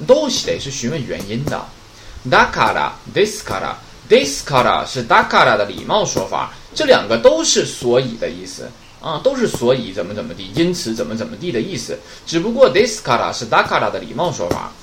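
A man's voice: fast talker, a little hiss or hum. A man teaching Japanese vocabulary in a chatty way, often asking a question and answering it himself. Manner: chatty, asks rhetorical questions and answers them; lively, swinging pitch. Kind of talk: casual vocabulary lesson.

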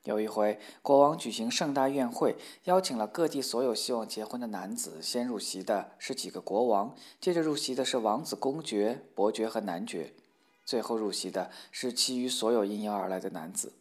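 A man narrating a fairy tale in an expressive, measured storytelling voice. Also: on the low side.

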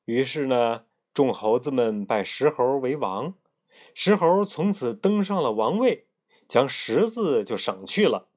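At a measured pace and medium pitch, a storyteller narrates a classic children's tale, gentle and expressive, letting the ends of lines trail off softly.

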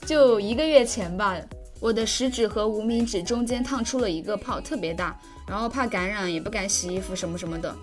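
A woman's voice: mid-range voice, fairly quick, few pauses, soft background music. A young woman hosting a casual talk show, chatty and teasing, often asking listeners if they agree. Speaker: host.

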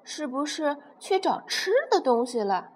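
A woman voicing a timid, kind little pterosaur boy in a children's storybook reading, high and stammering when scared. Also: sing-song, unhurried, a little hiss or hum. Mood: worried.

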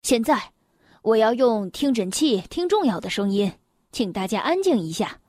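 A self-important rabbit playing doctor, as a woman storyteller puts him on, pompous and deliberate. The voice is pushed lower than the reader's own, recorded dry and close. A children's storybook reading. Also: big pitch swings, a little mellow, no echo.

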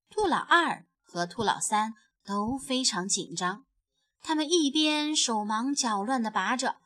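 A woman reading a picture book aloud, gentle and expressive, letting her voice fall softly at the end of sentences. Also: fairly high pitch, no echo. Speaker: storyteller.

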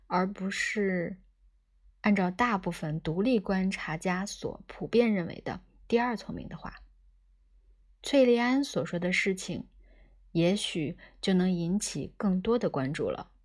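A woman narrating a comic science fiction audiobook in a measured storytelling manner. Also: medium pitch. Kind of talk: scripted narration.

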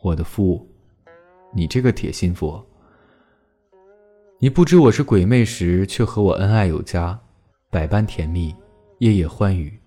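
A man giving voice to a grieving ghost wife from an old storybook tale, tearful and reproachful as she pleads with the husband who spurned her. The voice sits low and mellow, with a faint plucked guitar in the background. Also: slightly rough. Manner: sobbing, plaintive and reproachful. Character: grieving female ghost spirit, young wife, wronged.

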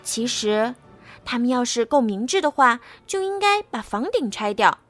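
A woman's voice: a little high, very animated, moderate pace, fairly bright tone, soft background music. Alice, a woman doing a spirited young girl. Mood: musing. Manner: wondering to herself, sometimes crying out. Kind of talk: storybook reading.

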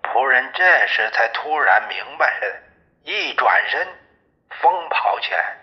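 A man narrating a novel in the first person, in a measured storytelling manner. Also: medium pitch, big pitch swings, lo-fi sound. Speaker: audiobook narrator.

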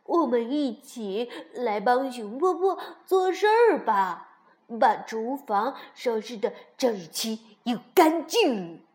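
A woman voicing an excitable young frog boy. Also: high voice, takes it slowly. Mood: excited. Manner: excitable, loud exclamations. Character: clumsy eager young male frog.

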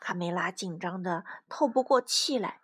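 A woman reading a children's storybook aloud expressively, pausing to explain things to a child. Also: fairly low pitch, slightly rough.

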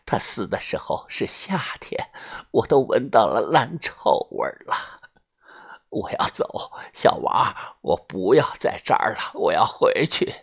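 A man's voice: lowish voice, very animated, unhurried, voice pushed down, full character voice. A man playing a terrified old woman. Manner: breathy half-whispered pleading.

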